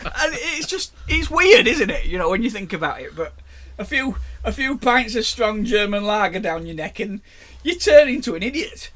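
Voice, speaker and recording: A man's voice: high-pitched, sing-song, moderate pace, sharp tone. A man with a Yorkshire accent, co-hosting a podcast in casual chat and telling pub anecdotes with frequent laughter. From England. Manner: chatty anecdotal storyteller, laughs often. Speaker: podcast co-host.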